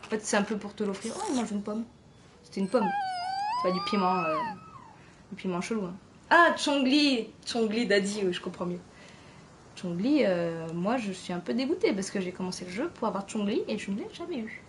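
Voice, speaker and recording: A woman's voice: medium pitch, wildly swooping pitch, a little fast, noisy background. A woman streaming a game late at night at home, chatting loosely with her viewers and chuckling as she reads their messages. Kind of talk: casual live-stream chat.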